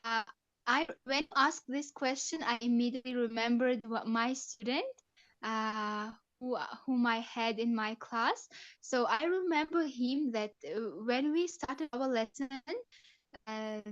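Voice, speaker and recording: A woman teacher speaking over a bad connection on a video call, her audio cutting out as she tells a halting classroom story full of pauses and restarts. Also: high voice, a bit bright, dry recording. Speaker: teacher attending a webinar. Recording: muffled, dull audio over a choppy call line.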